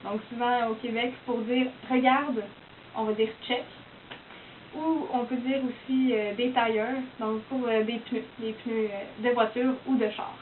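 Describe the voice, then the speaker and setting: A young woman with a high, light voice and a Québécois French accent talks in a casual, chatty way, filling her sentences with "donc" and "euh." She sounds some distance from the mic in an echoey room. The sound is thin and phone-like, with a faint hiss underneath. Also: fairly even intonation, unhurried, hardly any pauses. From Quebec. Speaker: university student explaining her dialect. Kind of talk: casual explanatory talk.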